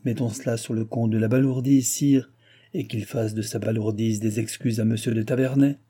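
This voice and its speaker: A man plays a haughty duke in an audiobook who answers a king with icy calm. The voice is low, very dark and husky. Each word is measured and firm. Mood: cold. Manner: cold, measured and unyielding. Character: cool, haughty male duke, a royal minister. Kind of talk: audiobook character reading.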